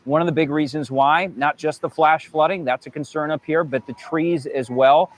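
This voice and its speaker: A man's voice: on the high side, fairly even intonation, moderate pace, a little hiss or hum. Man reporting live on a storm, emphatic. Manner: emphatic, conversational, punctuates with rhetorical "right?". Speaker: TV field reporter. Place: outdoors in wind and light rain.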